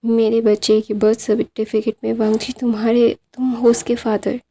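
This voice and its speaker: A woman's voice: fairly high pitch, little pitch movement, moderate pace, dark tone. A woman voicing a desperate, pleading rejected woman in a romance retelling.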